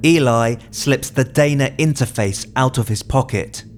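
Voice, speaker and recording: Speaking as the writer, a man reads scripted narration, describing action in the present tense with a measured, deliberate storytelling manner. His pitch is medium, and there's a little hiss or hum on the recording.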